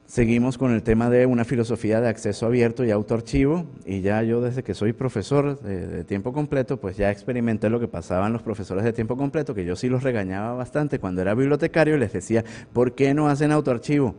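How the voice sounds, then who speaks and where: A man's voice: mid-range voice, fast, few pauses, warm tone. A man giving an academic conference talk as a professor, speaking in a conversational way and checking in with the audience through rhetorical questions. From Venezuela. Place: university lecture hall.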